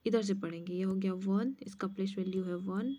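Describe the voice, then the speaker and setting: A woman's voice: medium pitch, fairly even intonation, a little fast, mellow. A woman maths teacher explaining place values step by step at a board, now and then muttering asides. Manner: mutters asides under her breath. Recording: muffled lo-fi recording.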